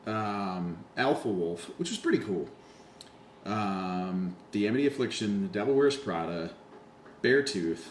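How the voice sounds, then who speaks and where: Male podcast host, mid pitch, very lively delivery, cussing storyteller, echoey room with faint noise. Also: measured pace. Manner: animated storyteller, swears often, acts out quotes. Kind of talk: casual chat.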